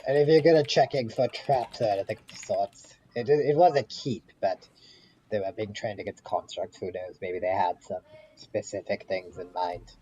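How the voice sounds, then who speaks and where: A man's voice: fairly low pitch, normal speed, warm tone, slight background noise, low-quality recording. A man playing a tabletop game, talking in character with wry, grumbling remarks and casual swearing.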